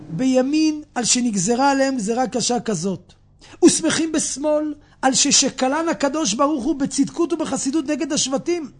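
Very high-voiced man preaching dramatically. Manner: swings between hushed murmurs and shouts. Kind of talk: dramatic sermon retelling a midrash.

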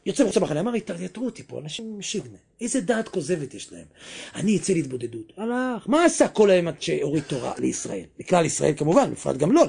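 A man's voice: high-pitched, vocal fry, a little mellow, slightly rough. A man preaching a sermon with passion, repeating phrases and breaking into sudden exclamations.

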